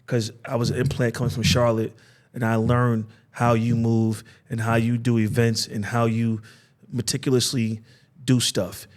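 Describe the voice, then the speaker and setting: A man co-hosting a casual podcast. He talks earnestly, circling back over his words and stammering before he lands a point. His voice sits at an ordinary middle pitch. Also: flat delivery, moderate pace. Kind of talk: casual chat.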